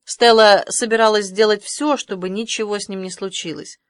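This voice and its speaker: A woman reading a novel aloud as an audiobook narrator, measured and expressive, recorded close to the mic. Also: mid-range voice, no echo. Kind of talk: scripted narration.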